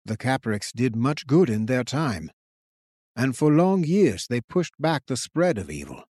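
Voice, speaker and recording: A man voicing an ancient resurrected king who speaks slowly and gravely in an audiobook. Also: mid-range voice, big pitch swings, a little mellow, no room sound, clean studio sound. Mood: gentle solemn. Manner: slow, grave, measured. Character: ancient resurrected male king, commanding, solemn. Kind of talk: audiobook character voice.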